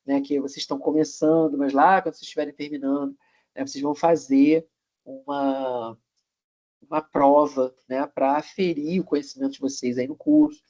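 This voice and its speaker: A man with a Brazilian Portuguese accent giving a live online college class, relaxed, with many tag questions and restarts. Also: a little high, moderate pace. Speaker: college lecturer. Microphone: video call. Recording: muffled lo-fi video call audio.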